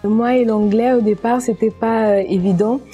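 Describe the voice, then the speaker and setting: A young woman speaks as a student in a testimonial, her tone very dark and warm. She pauses on fillers as she talks, and soft music plays faintly behind her. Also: a little high, fairly even intonation.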